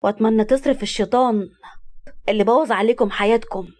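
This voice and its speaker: A woman's voice: on the high side, fast, a little mellow, close to an everyday voice. A woman voicing an anxious, reproachful older mother in an Egyptian Arabic accent, in a storybook narration. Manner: reproachful, pleading.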